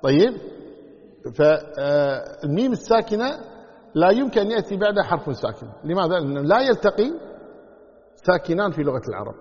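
A man's voice: high-pitched, sing-song, fairly quick, long pauses. A man teaching the rules of Quran recitation, repeating key words and sounding out examples. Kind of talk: tajweed lesson explaining rules. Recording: lo-fi recording with long hall echo.

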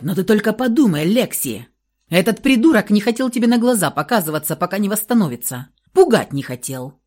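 A woman's voice: mid-range voice, a little mellow. A woman voicing a dry, sardonic young man, a protective brother who grumbles and teases, in an audiobook reading. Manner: wry, grumbling.

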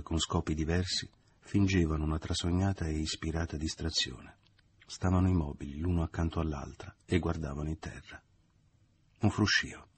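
A man narrating a literary novel as an audiobook, in a measured, even reading. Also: very deep voice, slight background noise.

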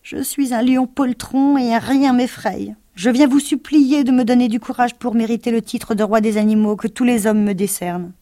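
Cowardly male lion, read by a woman, pleading, higher pitched, raised volume, storybook radio reading. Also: normal speed, hardly any pauses, dark tone, no room sound, studio quality, close to an everyday voice.

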